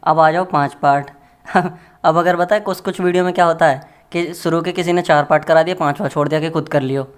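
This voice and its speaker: A man's voice: a little high, fairly even intonation, fairly quick, clean tone. A man teaching a maths lesson in a casual, joking way, chatting to his students as friends while working through problems. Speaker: maths tutor.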